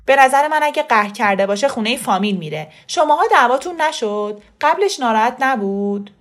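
Woman voicing a calm reasonable father. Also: on the high side, lightly acted. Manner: steady, reasonable. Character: calm level-headed father mediating.

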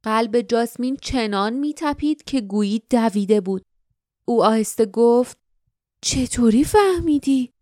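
A woman narrating an audiobook in a steady, literary storytelling manner. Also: on the high side, dry recording, studio quality. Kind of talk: scripted narration.

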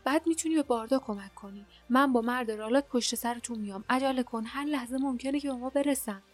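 A woman's voice: fairly high pitch, soft background music, voice pushed up, lightly acted. Woman voicing an urgent young hero. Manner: urgent, breathless pleading.

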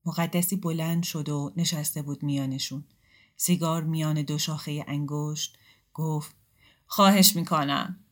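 A woman narrator giving a calm, measured audiobook story reading. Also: low-pitched.

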